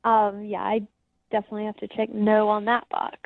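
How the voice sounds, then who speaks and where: A woman's voice: mid-range voice, level tone, a little fast, gravelly, no echo. A woman taking a surprise call from a radio show, answering in a guarded, blunt, matter-of-fact way. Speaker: person called on air. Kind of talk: casual phone conversation. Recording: tinny phone line.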